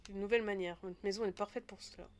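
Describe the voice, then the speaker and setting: A woman's voice: mid-range voice, steady tone, fast, natural voice. A woman voicing a solemn death-worshipping cult woman in a shroud, reading game dialogue aloud.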